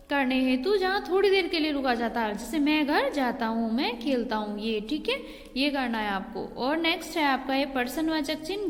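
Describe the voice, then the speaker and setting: Woman, schoolteacher, high voice, patient and repetitive, long reverb. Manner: patient, repeats "ठीक है" and "बेटा" to pupils. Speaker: school teacher. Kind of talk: online Hindi class lesson.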